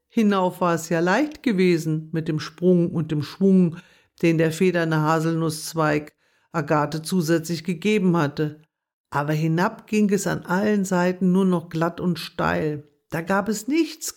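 Storyteller reading a kids tale, gentle and expressive, middle pitch.

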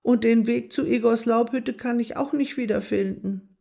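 A woman's voice: steady tone, moderate pace, gravelly, warm tone. A woman doing a tiny shy hedgehog girl. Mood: flustered. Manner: high small voice, at times whispering. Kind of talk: storybook reading.

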